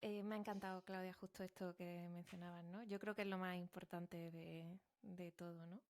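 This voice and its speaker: A woman's voice: lowish voice, little pitch movement, normal speed, darkish tone. A woman from hosting a podcast interview, chatting casually and often checking for agreement. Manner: conversational, tags questions for agreement. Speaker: podcast host.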